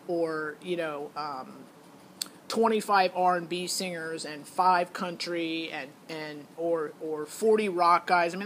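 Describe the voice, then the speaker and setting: A middle-aged woman shares, frankly and with strong opinions, how her child's audition went, in a relaxed personal story. She has a lowish, fairly bright voice, and background noise is easy to hear.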